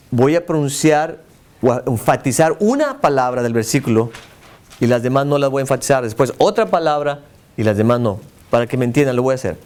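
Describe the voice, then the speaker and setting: A man's voice: on the high side, darkish tone. A man teaching a church class on meditating on Bible verses, encouraging his students and reading verses aloud with shifting emphasis.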